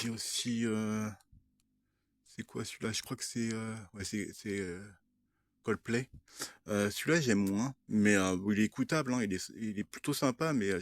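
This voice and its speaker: A young man talking casually to camera, showing what he bought, hesitant with many fillers and restarts. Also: lowish voice. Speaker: vlogger. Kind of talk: casual show-and-tell vlog.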